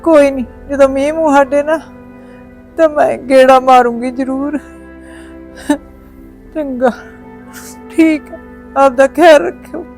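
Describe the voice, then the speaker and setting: A woman's voice: high voice, fairly even intonation, a little slow, long pauses, a little mellow, soft background music. A woman playing a grieving village mother-in-law. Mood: consoling. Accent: Malwai Punjabi. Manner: grieving, consoling, proverb-quoting. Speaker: actor in a village short film. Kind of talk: village family drama.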